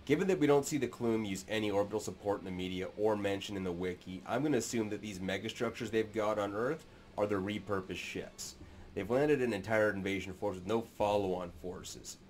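A sci-fi channel host in his thirties speaks on the low side, with a little hiss or hum on the recording. Seated in a small room, he gives his webcam sardonic, crude commentary in a mock-serious tone.

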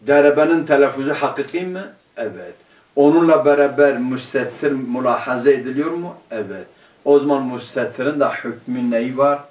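A man's voice: medium pitch, darkish tone. Distant man teaching in an echoing room. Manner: asks the class questions and answers them himself; slowly spells out quoted classical phrases. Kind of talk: grammar lesson. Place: classroom. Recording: roomy, distant room mic.

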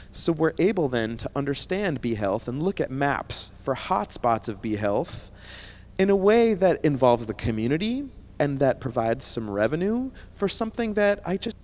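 A man in his thirties, a scientist and company founder, gives an emphatic motivational keynote to students from the stage of an indoor conference, holding a handheld microphone. His voice is fairly high with a darkish tone, and he keeps checking in with the audience with frequent "right?" tags.

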